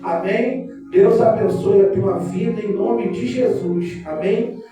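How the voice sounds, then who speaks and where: A woman's voice: mid-range voice, slow, far from the mic. A woman with a Carioca accent preaches and prays with fervor, sliding into a chanted cadence and calling out for amens. Her voice reaches the mic from across a very echoey hall, with music playing underneath. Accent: Carioca Brazilian Portuguese. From Rio de Janeiro, Brazil. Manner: fervent, often chanting phrases, prompting "amen?" replies. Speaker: church leader closing a service. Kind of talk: sermon and closing prayer. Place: small church hall. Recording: echoey church sound heard from afar with music.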